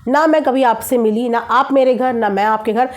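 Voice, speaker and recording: A woman's voice: fairly high pitch, moderate pace. A woman hosting a reaction channel, talking straight to camera in a casual, insistent way and repeating her points. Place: indoors at night.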